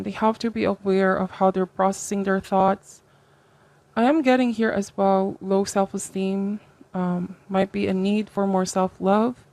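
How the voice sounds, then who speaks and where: A woman hosts a conversational tarot reading, talking to the viewer in a reflective, advisory way. She often checks in with short tags like "okay" and "right" to seek agreement, and her medium-pitched voice has a darkish tone.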